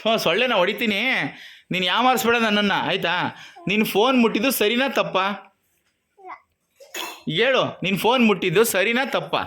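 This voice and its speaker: A woman's voice: mid-range voice, fairly quick, long pauses, a bit bright, slight background noise. A woman filming at home on a phone, playfully scolding and questioning her small daughter over and over in a mock-stern, teasing way. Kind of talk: casual home video chat. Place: home, indoors.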